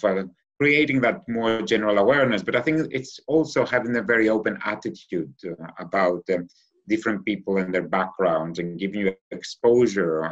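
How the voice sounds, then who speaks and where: A middle-aged man from Greece with a Greek accent, answering as a podcast guest in a thoughtful way, pausing often on "uh" and restarting phrases. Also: fairly low pitch, dull audio. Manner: thoughtful, many "uh" fillers and restarts. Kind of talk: podcast interview.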